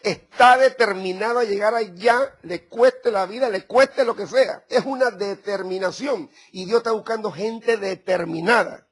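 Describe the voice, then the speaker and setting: A man's voice: high-pitched, measured pace, few pauses, husky. A middle-aged man preaching a sermon, speaking directly to his congregation with rising emphasis. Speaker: pastor.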